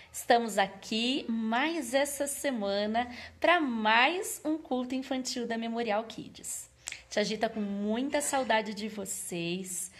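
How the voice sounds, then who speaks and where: A woman leads a children's church service with a high, coaxing voice and a sing-song lilt, pausing often to ask the children questions. She speaks slowly and patiently. The recording is very echoey, as if made in a bare, reverberant room. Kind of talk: online children's service and Bible story.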